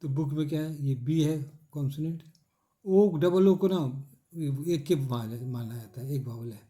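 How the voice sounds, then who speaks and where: A middle-aged male teacher lectures in a slightly high but mellow voice. He drills the class with short repeated questions and answers and draws key words out slowly. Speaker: English teacher.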